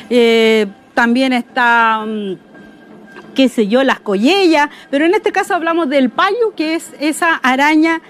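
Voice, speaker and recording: High-voiced woman teaching words patiently. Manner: patient, repeats each word slowly, checks with "¿ya?". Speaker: Mapuche language teacher. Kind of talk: spoken language lesson.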